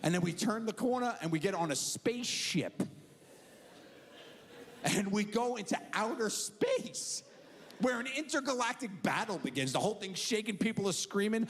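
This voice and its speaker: A middle-aged man on stage telling a stand-up story, his voice swinging high and low with big animated pitch jumps. He sits a little above the usual male register, with a faint ambient hum behind him. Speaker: stand-up comedian.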